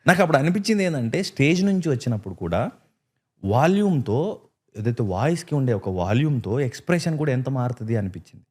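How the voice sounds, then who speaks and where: Guy chatting on a podcast, darker mellow voice, acts out the bits he quotes. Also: mid-range voice, fast, breathy edge. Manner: animated storyteller who acts out quoted lines. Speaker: guest actor. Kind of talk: casual podcast chat.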